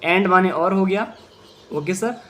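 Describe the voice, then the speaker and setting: Male tutor, fairly high voice, Hindi-medium English lesson, slow word-by-word reading. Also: a bit bright. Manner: translates word by word, answers his own questions with "ok sir"; reads English sentences very slowly and deliberately. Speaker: English teacher.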